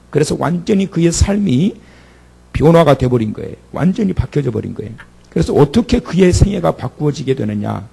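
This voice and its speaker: Gravelly-voiced man preaching a sermon. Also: mid-range voice, warm tone. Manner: dramatic, acts out the speakers in the story. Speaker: pastor.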